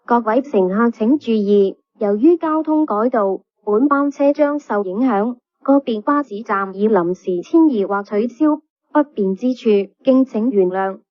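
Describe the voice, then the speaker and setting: A woman's slightly high voice, at a measured pace, makes a scripted public announcement over a bus PA system. She keeps it calm, even and formal, with dull lo-fi playback.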